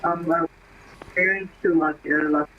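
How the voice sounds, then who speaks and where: A man making halting radio calls as a pilot, his mic cutting out so his volume jumps up and down, with lots of ums and uhs. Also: a little high, steady tone. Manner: hesitant, full of fillers. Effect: mic cutting out, uneven volume. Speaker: pilot on a flight-sim radio network. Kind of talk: halting radio calls to air traffic control. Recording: muffled radio transmission, faint static.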